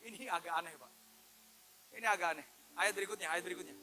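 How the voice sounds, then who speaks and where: A man preaching a sermon as a pastor, animated, calling out to his listeners and acting out voices in his stories. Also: high-pitched, fast, soft background music. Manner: animated, addresses listeners as "Pak" and "saudara"; acts out his son's and God's voices.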